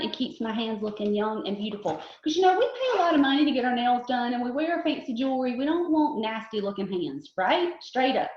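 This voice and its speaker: A woman in her forties gives an upbeat, chatty product demonstration, pitched a little high. She talks straight to her viewers and asks them to repeat after her. The sound is roomy and slightly dull. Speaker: beauty consultant presenter.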